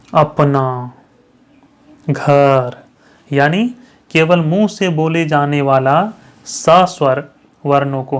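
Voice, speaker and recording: A man teaching a grammar lesson to exam candidates. He asks the viewers questions and answers them himself, and keeps checking that they follow. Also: a little high. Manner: checks understanding with frequent "thik hai"; stretches out example sounds slowly.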